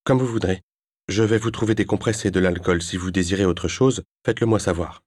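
A man's voice: deep voice, fairly quick, darkish tone. A man reading an audiobook, voicing a polite, formal hotel hostess in a raised voice. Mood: courteous. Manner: courteous, formal.

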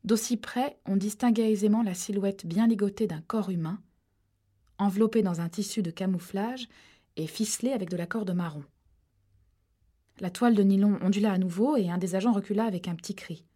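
A woman reading a suspense novel aloud, steady and measured. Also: medium pitch, slightly rough. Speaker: audiobook narrator. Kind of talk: scripted narration.

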